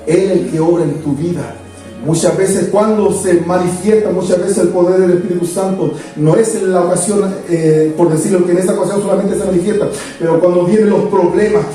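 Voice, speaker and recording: Guy preaching hard, high-pitched but dark tone, lots of repeating, far off in a super echoey church, soft music under. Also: fairly quick. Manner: fervent preaching in repeated emphatic lists. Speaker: pastor. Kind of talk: sermon. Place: church sanctuary. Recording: echoey church, distant mic, faint music.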